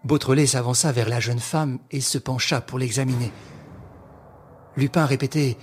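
A man narrating a classic novel aloud in a slow, measured, dramatic reading. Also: medium pitch.

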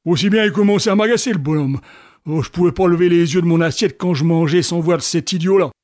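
A man voicing a greedy, hot-tempered old farmer in an audiobook, talking loudly and exclaiming. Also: fairly high pitch, quick pace, natural voice. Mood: mocking. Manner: loud, blustering, exclaiming. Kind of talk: audiobook character voice.

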